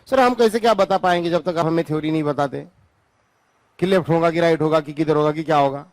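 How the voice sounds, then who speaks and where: An Indian man lectures a physics class in a high, lively voice. He repeats key phrases, calls students by name and teases them for not paying attention. The recording is dry and close. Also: quick pace, dry recording. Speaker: physics teacher.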